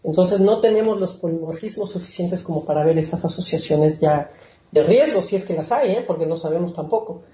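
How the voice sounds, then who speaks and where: A woman's voice: lowish voice, brisk, warm tone, echoey room, lo-fi sound. A woman from Mexico, a genetics researcher, explaining her work in a conversational interview with frequent fillers. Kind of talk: interview answers.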